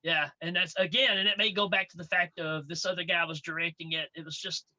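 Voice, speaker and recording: Male podcast co-host with a high, sharp, very bright voice; jokey and laughs a lot in loose chat. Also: steady tone, brisk, poor audio.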